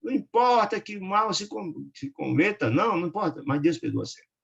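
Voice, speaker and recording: A man voicing a gentle, innocent eight-year-old boy in a high, soft childlike voice. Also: expressive, fairly quick, vocal fry, slightly rough, dull audio, full character voice. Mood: tearful, earnest.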